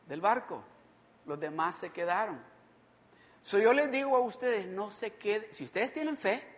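Impassioned woman pastor in a reverberant hall. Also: fairly low pitch. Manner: impassioned preaching, rising to near-shouts. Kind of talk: sermon. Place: church sanctuary.

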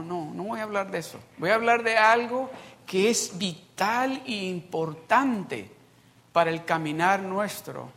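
Brief: church preacher, mid-pitched, works the room with repeated lines and questions. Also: a bit bright. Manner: rhetorical questions to the congregation; repeats phrases for emphasis. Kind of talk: sermon.

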